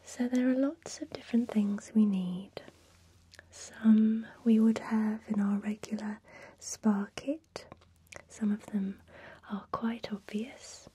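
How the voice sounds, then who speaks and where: Lady whispering real slow and soft, breathy asmr spa tutorial vibe. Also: mid-range voice, fairly even intonation, a little hiss or hum. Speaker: spa technician roleplay.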